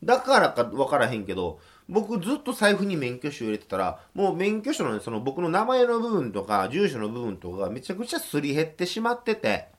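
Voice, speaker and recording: A man's voice: fairly high pitch, huge pitch swings, a little fast, few pauses. A young man with a Kansai accent hosts a casual radio monologue, telling his stories in a chatty, self-deprecating way. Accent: Kansai Japanese. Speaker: radio show host.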